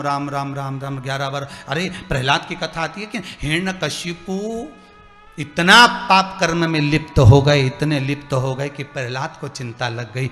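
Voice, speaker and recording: A man's voice: fairly high pitch, in a large hall. A man giving a devotional sermon, telling stories, acting out dialogue and putting questions to the crowd. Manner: animated, acts out dialogue and asks the crowd questions. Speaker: religious storyteller.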